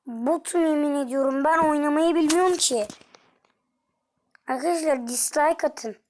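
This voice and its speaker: A young woman commenting on her own gameplay, dropping to whispers and then shouting in frustration. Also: sits high, normal speed. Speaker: gaming streamer.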